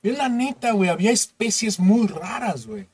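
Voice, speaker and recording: Mexican male podcast co-host, crude laughing banter, voice a touch high. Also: normal speed. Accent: Mexican Spanish. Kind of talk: casual comedy chat.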